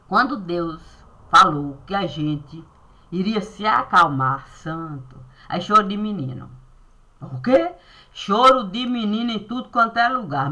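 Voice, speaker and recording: A woman telling a personal story in a playful, animated way, acting out the dialogue. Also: mid-range voice.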